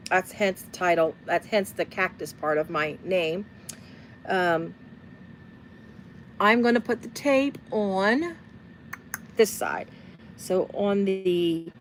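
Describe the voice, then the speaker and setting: Speaking at a fairly low pitch, this middle-aged sewing tutorial host from the Midwestern US runs a relaxed live demonstration in her home sewing room, drifting into tangents full of filler words. There's a slight hiss or hum in the audio.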